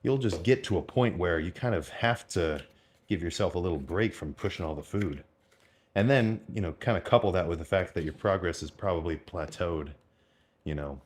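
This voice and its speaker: A man in his twenties chatting in a casual, rambling, slangy way, as a fitness vlogger. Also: low-pitched. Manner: rambling, informal, full of slang and mild swearing. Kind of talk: casual unscripted vlog chat about eating and training.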